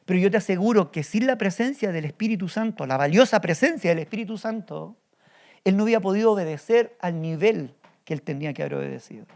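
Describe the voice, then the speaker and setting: A man's voice: high-pitched, expressive, quick pace, vocal fry, darkish tone. A male pastor preaching a sermon, telling a story with energy and often asking the congregation rhetorical questions. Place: church.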